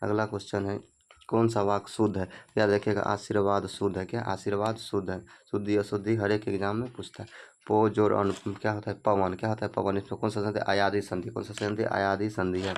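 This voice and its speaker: A man's voice: lowish voice, little pitch movement, a little fast, a little hiss or hum. A man coaching students for an exam, asking each question and repeating the answer for them to remember. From Bihar, India. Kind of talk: exam prep lesson.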